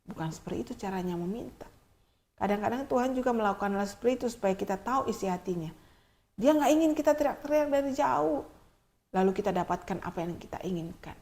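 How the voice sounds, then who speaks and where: A woman preacher delivering a midweek sermon in an animated storytelling manner, often addressing her listeners directly. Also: mid-range voice, quick pace.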